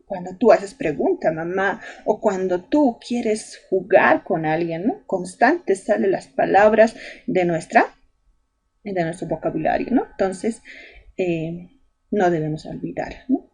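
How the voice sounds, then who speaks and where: Female primary teacher; slow, patient grammar lesson for children, lively pitch. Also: slightly rough. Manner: explains slowly, tag questions ¿ya? ¿no? after each point.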